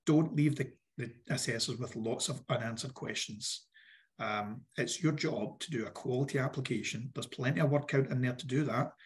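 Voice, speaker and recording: A man presents a workshop on funding applications, his voice croaky and he clears his throat now and then. His pitch sits in the middle range for a man. He speaks in a direct, instructive way and keeps coming back to the key points. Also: moderate pace.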